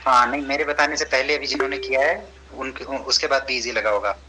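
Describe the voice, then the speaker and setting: A man's voice: medium pitch, fairly even intonation, brisk, background noise. A man teaching an online class over a video call, patient and encouraging, slipping English phrases into his speech.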